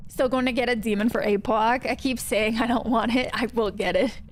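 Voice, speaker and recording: High-voiced chatty woman streamer. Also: steady tone, brisk, slight background noise. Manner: chatty, greets chat by name. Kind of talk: casual livestream chat while gaming.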